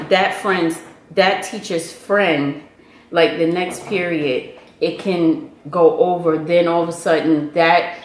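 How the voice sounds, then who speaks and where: A woman giving parenting advice in a casual family chat, motherly and direct. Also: fairly low pitch. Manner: motherly, advising, teasing. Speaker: parent and vlog host. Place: home room at a meal. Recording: echoey room with faint noise.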